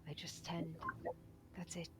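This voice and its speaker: A woman voicing a frightened man trapped beneath rubble, pleading in a hushed whisper. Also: on the low side, little pitch movement, a little slow, heavy background noise, natural voice. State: buried under rubble.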